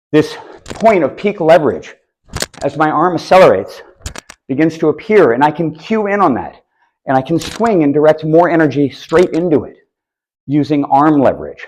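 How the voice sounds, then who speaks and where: A man's voice: fairly high pitch, big pitch swings, normal speed, a little mellow, slight background noise, low-quality recording. A man teaching disc golf technique, explaining casually while demonstrating throws. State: a bit out of breath. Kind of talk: instructional demonstration. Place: outdoors on a course.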